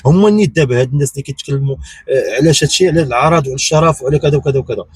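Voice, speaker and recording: A man's voice: mid-range voice, rapid-fire, darkish tone, slightly rough, no room sound. A man with a Moroccan accent giving unscripted opinion commentary, insistent and repetitive, firing off rhetorical questions. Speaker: YouTube commentator.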